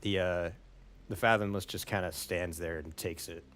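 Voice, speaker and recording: A man's voice: low-pitched, fairly even intonation, normal speed, a bit bright. A man running a tabletop game as game master, narrating the action casually with frequent swearing.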